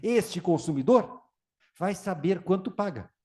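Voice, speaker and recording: A man with a Brazilian Portuguese accent giving a lively public talk on taxes, acting out little scenes in different voices. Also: high-pitched, unhurried. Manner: animated, acts out voices in anecdotes. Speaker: speaker on tax reform.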